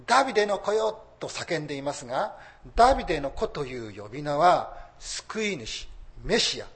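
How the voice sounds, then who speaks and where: A man preaching a sermon as pastor, rising in emphasis on key phrases. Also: on the high side.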